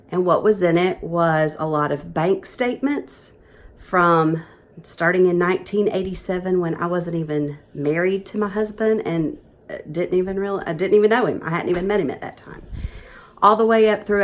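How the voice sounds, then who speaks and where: A woman, talking earnestly and chattily to camera in a casual vlog. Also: on the low side. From Georgia, USA. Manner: earnest, chatty, emotional at times. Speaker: professional organizer vlogger.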